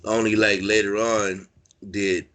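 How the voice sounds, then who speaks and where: Very deep voiced californian guy rambling through prison stories, lots of likes and you knows. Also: flat delivery, takes it slowly, fairly bright tone. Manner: rambling, filler-heavy street talk. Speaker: interview guest, former prisoner. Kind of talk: casual storytelling interview.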